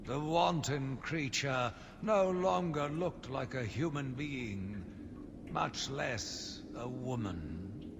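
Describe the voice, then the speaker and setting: A voice actor with an expressive, mid-range voice plays a sinister, self-righteous madman obsessed with punishing monsters, delivering a video-game audio-journal monologue with cold menace. His theatrical, deliberate, brooding delivery leans on dramatic emphasis. The recording has long reverb and clearly noisy background ambience.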